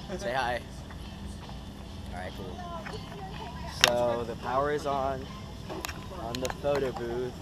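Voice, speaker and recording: A man vlogging outdoors by a photo booth, talking slowly and casually into a handheld camera. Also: medium pitch, steady tone, loud music behind the voice. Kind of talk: casual vlog chat.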